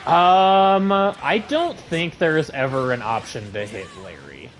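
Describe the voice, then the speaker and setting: A man co-hosting a live game stream in casual chat, easygoing and agreeable, laughing often and filling pauses with "like" and "um". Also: a little high, sing-song, slight background noise, poor audio. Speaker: streamer co-host.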